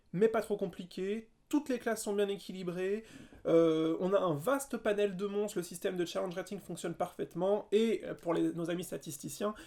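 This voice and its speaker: Gravelly-voiced guy gushing about tabletop games on a podcast, playful and quick with jokes. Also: sits high, a little mellow. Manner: enthusiastic, playful, quick asides. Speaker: podcast co-host.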